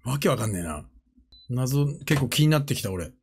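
A man chatting casually on a livestream, joking and animated, often breaking into laughter and playful mimicked voices. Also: mid-range voice, moderate pace, slight background noise. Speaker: streamer.

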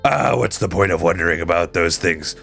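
Demon girl, game dub, male performer: lowish, gravelly, sulky, lonely and self-deprecating. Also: expressive, brisk, fairly bright tone, soft background music, heavily acted. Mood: gloomy, self-pitying. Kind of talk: improvised video game dub.

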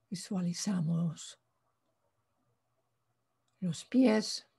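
A woman with a mid-range voice leads a guided meditation, speaking softly and breathily in a calm, hushed way. She gives slow spoken instructions in short phrases, pausing between them.

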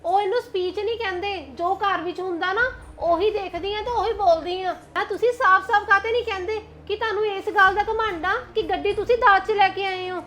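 A woman's voice: very high voice, steady tone, brisk, hardly any pauses, a bit bright. A Punjabi-accented woman playing an outspoken young wife who argues back in a family drama. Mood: defiant. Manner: scolding, defiant. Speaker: younger sister-in-law.

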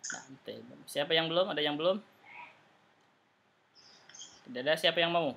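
Male arabic ustaz w indonesian accent, bright sound, patient corrections. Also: fairly high pitch, moderate pace, vocal fry. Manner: patient, models phrases with rising question tones. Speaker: Arabic teacher. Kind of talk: online class correcting reading practice.

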